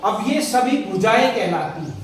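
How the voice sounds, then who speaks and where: A male schoolteacher leads his class in call-and-response, asking questions and repeating the answers back to them. He sounds distant from the mic in a heavily echoing classroom. Steady background noise sits under his voice. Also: high-pitched, moderate pace. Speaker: primary school teacher. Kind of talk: classroom teaching. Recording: very echoey classroom, far from mic, noisy.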